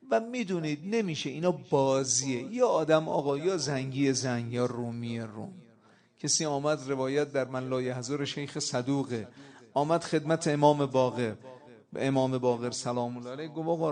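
A man preaching a sermon with passion, rising loud on quoted Arabic and key points. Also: medium pitch.

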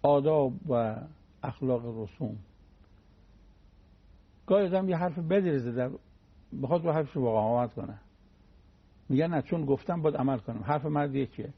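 A man with a gravelly, husky voice gives a relaxed religious talk, illustrating his points with plain stories and examples. The sound is muffled, as on an old radio broadcast. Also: mid-range voice, long pauses. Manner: folksy, uses everyday anecdotes and examples. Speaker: cleric giving a religious talk.

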